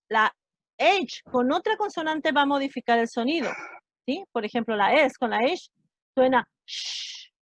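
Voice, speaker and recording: A woman's voice: sits high, dry recording. A woman teaching an online English class, explaining sounds patiently and checking understanding often.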